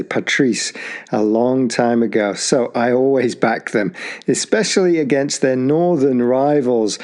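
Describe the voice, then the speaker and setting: A man's voice: mid-range voice, darkish tone. A man co-hosting a football podcast, talking in a chatty, upbeat way. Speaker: podcast co-host. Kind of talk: casual football podcast chat.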